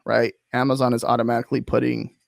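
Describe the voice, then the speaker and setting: The host of this laid-back video-call interview is a man with an ordinary-pitched voice that is gravelly and creaky. At a quick pace he rambles, restarts his sentences and uses plenty of fillers; the sound is close and dry, with no echo.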